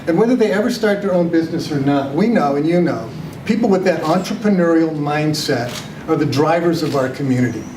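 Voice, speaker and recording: An older man gives a heartfelt thank-you at a ceremony, pausing on ums, his voice a little high. The mic is far off in an echoey room with noise around. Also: lively intonation. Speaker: college vice president.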